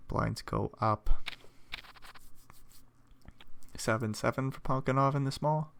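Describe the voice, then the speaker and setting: A young man giving relaxed, chatty play-by-play commentary on a poker final table, thinking aloud with playful asides, while fighting off hiccups and yawns. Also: mid-range voice, normal speed, gravelly, no echo. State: hiccuping and yawning.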